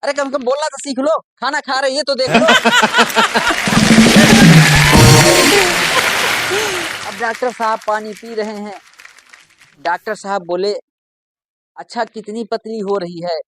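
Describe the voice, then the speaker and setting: A man, a stand-up comedian, telling jokes to a judge in a chatty storytelling way, slowing down for the punchlines. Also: extremely high pitch, very animated, over loud music. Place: TV comedy stage with audience.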